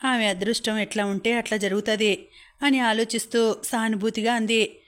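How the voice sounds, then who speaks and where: A woman reads an audiobook novel aloud at a steady pace. Her voice sits fairly high. It barely rises or falls, so the narration sounds even and flat. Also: moderate pace.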